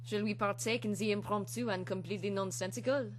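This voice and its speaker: Woman playing suave French spy gentleman, stagey and melodramatic, story reading with background hum. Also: mid-range voice, fairly even intonation, a little fast, natural voice. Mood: grandly inviting. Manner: hammy, dramatic. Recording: clear hum and background noise.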